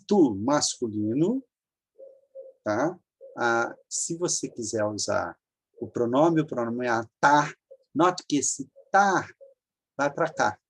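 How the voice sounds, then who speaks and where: A man's voice: medium pitch, vocal fry, breathy edge. A man teaching an online grammar lesson, patiently explaining step by step, repeating forms and checking in with the listener.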